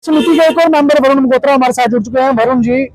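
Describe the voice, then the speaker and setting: A man's voice: extremely high pitch, quick pace, a little mellow, no room sound, low-quality recording. A male news anchor introducing a guest and putting formal, pointed questions to him.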